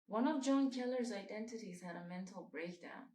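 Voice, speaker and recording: A woman's voice: mid-range voice, moderate pace, natural voice. A woman voicing a nervous, defensive man being questioned by a psychiatrist. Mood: hesitant. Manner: nervous, rising to agitated yelling. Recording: roomy echo, faint music.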